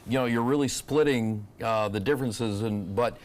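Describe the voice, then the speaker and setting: A man giving unscripted political commentary as an election night analyst, often pausing mid-sentence. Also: mid-range voice.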